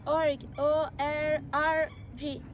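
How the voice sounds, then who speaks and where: High-pitched woman. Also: level tone, very slow, crowd noise. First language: Persian. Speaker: vlogger doing an ice bath challenge. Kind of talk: casual chat.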